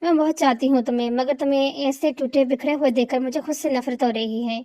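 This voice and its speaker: A woman's voice: high voice, fairly even intonation, warm tone, natural voice. A woman reading the lines of a guilt-ridden young wife in a romance novel, sorrowful and tearful.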